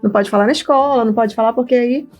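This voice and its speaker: A woman's voice: on the high side, rapid-fire, faint music behind. A Brazilian woman co-hosting a podcast for mothers, talking casually and acting out family dialogue as she tells stories. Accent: Brazilian Portuguese. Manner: animated storytelling, acts out dialogue. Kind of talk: casual chat.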